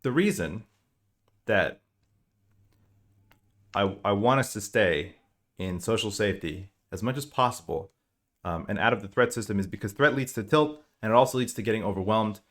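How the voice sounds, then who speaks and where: Man, lowish register, relaxed conversational coach explaining to his team. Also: normal speed, long pauses. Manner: conversational, animated explaining with acted-out examples. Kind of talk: casual spoken lecture.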